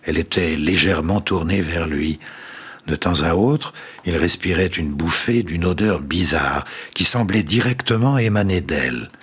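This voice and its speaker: A man reads a story aloud in a very deep, husky voice. His delivery is measured and suspenseful, with a breathy edge. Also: animated, fairly bright tone. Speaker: narrator. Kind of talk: storybook reading.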